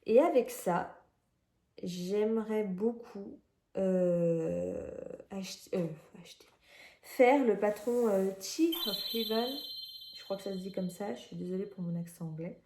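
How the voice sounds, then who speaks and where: French knitting vlogger lady, hesitant and chatty, mellow voice, echoey room at home. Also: mid-range voice, normal speed. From France. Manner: hesitant, many "euh" fillers, chatty. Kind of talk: casual chat. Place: at home indoors, near a window shutter.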